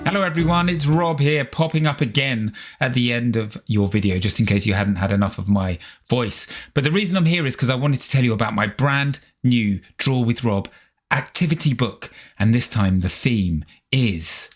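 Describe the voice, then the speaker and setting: A man's voice: mid-range voice, moderate pace. A middle-aged man from the UK giving a friendly, chatty drawing lesson to children, encouraging them and calling them guys. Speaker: children's drawing tutor and author.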